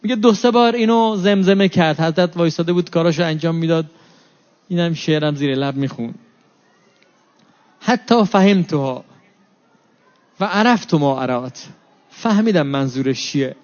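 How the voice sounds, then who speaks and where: A man's voice: a little high, long pauses, darkish tone. A man preaching a mourning sermon, reciting Arabic lines and then explaining each one in Persian. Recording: dull lo-fi recording.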